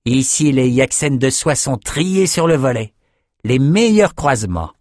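A man's voice: medium pitch, sing-song, measured pace, darkish tone, no room sound, clean studio sound, pitched above the performer's own voice. A man voicing a hearty, falsely cordial male reveler in an audiobook.

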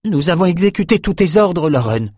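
A man's voice: high-pitched, big pitch swings, normal speed, a little mellow, husky, no echo, studio quality, voice pushed up, full character voice. A man voicing a cocky, arrogant young male pearl diver. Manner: arrogant, indignant.

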